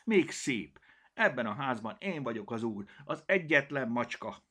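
A man's voice: medium pitch, huge pitch swings, fairly bright tone, breathy edge, voice pushed up, exaggerated voice. A man voicing a proud, possessive house cat that talks in a bossy, huffy way. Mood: haughty, possessive.

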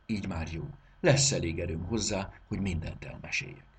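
A man voicing a courteous, fretful old female pocket watch in a storybook reading, with a very husky voice. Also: sits low, full character voice. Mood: polite. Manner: courteous and apologetic, fussy about her springs.

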